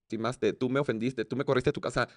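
A man's voice: mid-range voice, fairly even intonation, fast talker. A man interviewing in a clip, firing off blunt, slangy questions.

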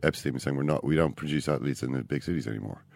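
An Irish man explains his points carefully in a relaxed sports chat. His voice is extremely low and creaky, with a close, dry sound. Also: racing, no echo. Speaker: sports podcast co-host. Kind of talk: casual sports discussion.

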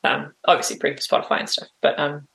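A woman's voice: low-pitched, level tone, a little fast, vocal fry, fairly bright tone. Hesitant New woman guest. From New Zealand. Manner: hesitant, full of "like" and "um" fillers. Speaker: interview guest. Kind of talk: casual interview answers.

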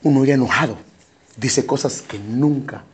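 A man's voice: mid-range voice, moderate pace. A middle-aged male pastor preaching a sermon, emphatic and repeating his phrases as he keeps calling his listeners brother.

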